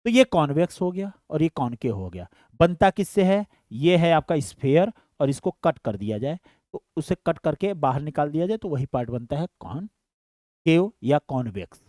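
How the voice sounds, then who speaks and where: Lively man teaching science. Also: fairly high pitch, normal speed, dry recording, studio quality. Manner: explains step by step, keeps asking students if they understood; calls students "beta" in a fond, fatherly way. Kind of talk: online science lesson.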